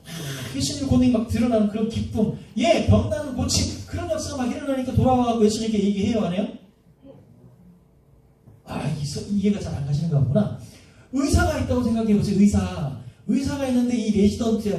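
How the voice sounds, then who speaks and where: A man preaching a sermon as pastor, animated, asking the congregation questions and acting out little voices. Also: very high voice. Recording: echoey room from a distance.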